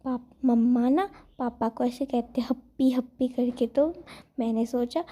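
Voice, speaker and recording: A woman's voice: a little high, fairly even intonation, unhurried, warm tone, pitched below the performer's own voice. A woman voicing a cute, cheeky little boy who chatters sweetly and a bit mischievously in a fan fiction retelling.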